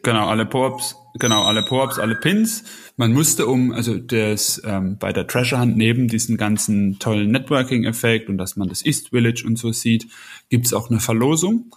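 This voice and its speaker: A man's voice: medium pitch, normal speed, slightly rough. Male podcast co-host, casual and rambling, mid-range voice. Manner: chatty, many fillers and restarts. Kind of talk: casual chat.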